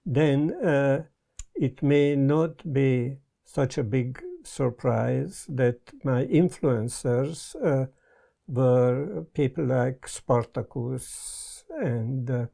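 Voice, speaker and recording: An older Hungarian-accented man speaks slowly and thoughtfully, pausing often between words. His voice is dark and gravelly. He sits in a book-lined study, picked up cleanly on a lapel mic. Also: mid-range voice. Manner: thoughtful, halting, with many pauses and fillers. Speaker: guest. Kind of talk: casual conversation. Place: study lined with bookshelves, indoors.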